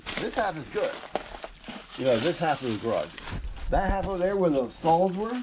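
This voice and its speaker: A middle-aged man talks his way around an old barn in the woods, rambling and animated, his voice leaping up and down. The body-worn camera picks up heavy outdoor noise. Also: a little high, a little fast. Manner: rambling, animated storytelling with laughs. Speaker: landowner giving a tour. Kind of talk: casual chat.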